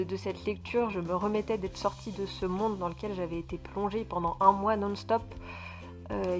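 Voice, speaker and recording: A woman from France talks through her recent reads in a loose, casual vlog voice. She trips over her words and restarts often, filling gaps with little hesitations, and gets emphatic whenever she describes how a book made her feel. Faint music plays underneath. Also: mid-range voice. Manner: stumbling, restarts often, many fillers; expressive, emphatic about feelings. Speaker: book vlogger. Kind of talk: casual book review chat.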